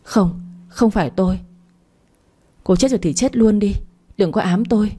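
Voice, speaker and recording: A woman's voice: mid-range voice, normal speed, mellow, husky, close to an everyday voice. A woman doing a panicked young female model. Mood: terrified, pleading. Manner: pleading, panicked.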